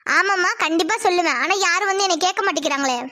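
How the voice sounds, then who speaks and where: A woman's voice: extremely high pitch, quick pace, pushed and bright. A woman voicing a lazy, cheeky young daughter in a Tamil cartoon who grumbles and talks back.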